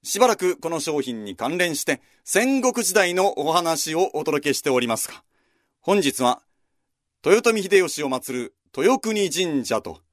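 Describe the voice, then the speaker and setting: A man's voice: on the high side, dry recording, studio quality. A man hosting a history program, narrating a walking route in a scripted but conversational way with casual asides. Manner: lively, conversational storytelling with asides.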